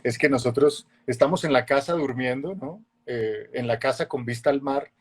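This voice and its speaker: Lively middle-aged man telling a story. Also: medium pitch, moderate pace, husky. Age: 40s. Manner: lively storyteller, acts out voices and shifts loudness a lot. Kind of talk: animated testimony in a casual chat.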